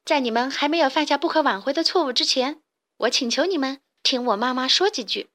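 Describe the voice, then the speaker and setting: A woman's voice: high voice, expressive, fairly quick, a bit bright. A woman voicing a brave, curious little hen girl who speaks earnestly, in a children's storybook reading. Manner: earnest, pleading.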